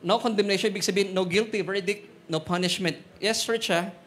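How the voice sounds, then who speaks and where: A man with a Filipino accent preaching a sermon, mixing Tagalog and English, joking with the congregation and slowing down on Bible verses. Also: sits high, fairly even intonation, fairly bright tone. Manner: switches between Tagalog and English, jokes with congregation; slows to stress Bible verses. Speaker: pastor. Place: church hall.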